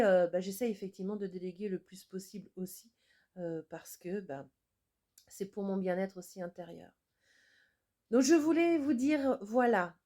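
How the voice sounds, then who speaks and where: A woman with a somewhat high, mellow voice talks straight to her viewers in an improvised monologue. She is an energy healer and a mother, and she speaks in an earnest, reflective way. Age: adult with children.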